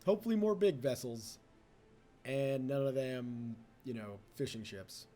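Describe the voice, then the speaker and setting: A young let's play host, a native English speaker, gives casual, meandering commentary while gaming, often speaking to the game and poking fun at himself. He talks at a measured pace in a medium-pitched voice with a dark tone.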